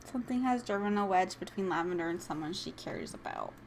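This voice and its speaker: A woman's voice: lowish voice, animated, fairly quick, gravelly, slight background noise. Chatty young woman narrating gameplay. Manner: chatty, emotional, reacts loudly to the game. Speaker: gaming video host. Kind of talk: casual gameplay commentary.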